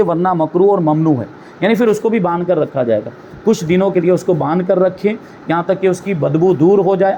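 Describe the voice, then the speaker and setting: Male Islamic scholar, high-pitched, methodical lecturer who answers his own questions. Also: mellow, slight background noise. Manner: explanatory, rhetorical questions answered himself. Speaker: Islamic scholar teaching a course. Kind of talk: religious lesson.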